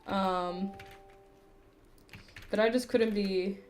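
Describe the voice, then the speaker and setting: Young woman streamer, rambling casual chat with giggles and offhand swearing, soft music behind. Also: mid-range voice, fairly even intonation, extremely slow.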